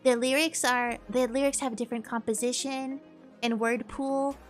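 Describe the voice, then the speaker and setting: A young woman with a high-pitched voice that barely moves in pitch talks at normal speed while streaming. She chats casually with viewers, bubbly and upbeat, adding playful bursts of singing over faint background music.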